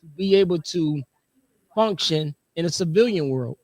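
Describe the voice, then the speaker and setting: A man's voice: a little high, animated, moderate pace, a little mellow, no room sound. A middle-aged man and military veteran, a podcast guest speaking casually and enthusiastically, often repeating phrases for emphasis. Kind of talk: casual chat.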